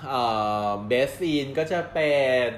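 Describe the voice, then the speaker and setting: A man co-hosts a casual chat reviewing a drama series, recapping episodes as an animated storyteller who acts out quoted dialogue and laughs often. His voice is mid-range and he draws out his words. The recording sounds roomy, with faint ambience and slight background noise.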